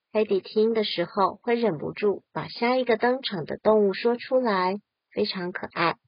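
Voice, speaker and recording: A mother reading a storybook aloud for children in a gentle, lilting way. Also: mid-range voice, no echo, muffled recording.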